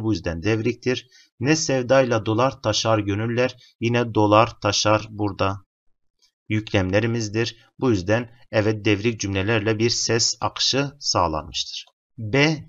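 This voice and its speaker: A male teacher works step by step through literature exam questions, steadily explaining and calling his students friends. His voice is on the low side, and the recording sounds lo-fi.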